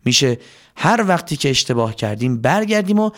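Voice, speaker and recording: A man's voice: mid-range voice, sing-song, fairly bright tone. A man narrating a religious story to children in an earnest, dramatic way.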